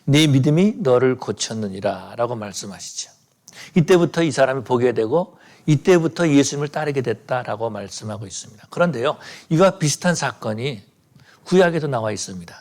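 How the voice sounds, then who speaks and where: A man's voice: medium pitch, lively intonation, a little fast, a little mellow. A man preaching a sermon as pastor, retelling Bible stories and acting out the voices in them, building to emphatic peaks.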